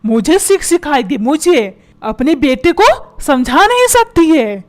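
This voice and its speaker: A woman's voice: sits high, big pitch swings, measured pace, a little mellow. A woman voicing a stingy, short-tempered middle-aged husband in a comic cartoon, scolding and sarcastic.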